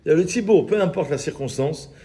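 A man, a rabbi giving an informal, lively Torah lesson and joking with his small group of listeners. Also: a little high, normal speed. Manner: lively, teasing, chats with listeners. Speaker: rabbi teaching a class.

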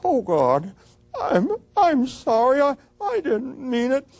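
A man's voice: high-pitched, lively intonation, measured pace, mellow, voice pushed up, exaggerated voice. A man playing a sobbing young man begging forgiveness. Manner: tearful, pleading.

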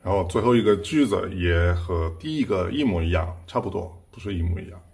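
A man giving a casual language lesson, slowly repeating each phrase before explaining what it means. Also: deep voice, lively intonation, darkish tone. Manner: slowly repeats phrases, then translates them. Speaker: Spanish teacher. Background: song playing clearly.

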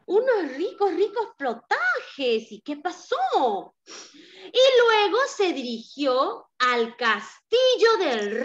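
A woman teacher reading a story to young children in an animated, exclamatory way, stopping to quiz them. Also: very high voice, lo-fi sound.

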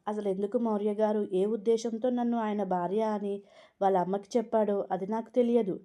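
A woman's voice: mid-range voice, dark tone, natural voice. A woman reading a storybook aloud, voicing a polite young woman who speaks anxiously and with hesitation.

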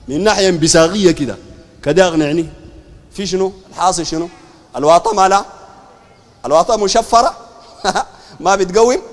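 A man with a Sudanese Arabic accent preaching a colloquial sermon, animated and mocking, full of rhetorical questions. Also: high voice, long reverb tail.

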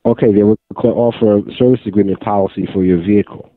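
Fast-talking polite man on a phone line. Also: on the low side, steady tone, no room sound. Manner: polite, formal. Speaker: customer service agent. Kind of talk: customer service phone call. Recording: tinny, band-limited telephone line.

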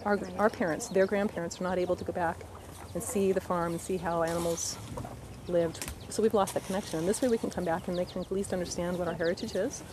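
A woman's voice: fairly low pitch, steady tone, fast talker, background noise. A woman in her thirties, a farm customer, answering interview questions outdoors in a chatty way with many ums. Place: outdoors in a garden.

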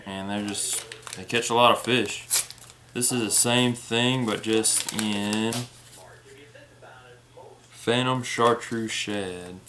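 A young man casually unboxing fishing tackle at a table indoors, unhurried, naming each item as he opens it. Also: on the low side, steady tone, noisy background. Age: young adult. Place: indoor room at a table with plants. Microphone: camera in front at table distance.

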